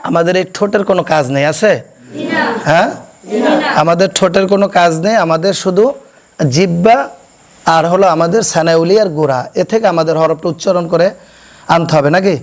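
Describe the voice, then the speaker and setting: A man teaching children to pronounce Arabic letters, explaining slowly and quizzing his pupils so they repeat after him. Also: high voice, noisy background. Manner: asks questions and has pupils repeat; slow, deliberate explanation. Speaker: Quran teacher. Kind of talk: classroom recitation lesson. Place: madrasa classroom.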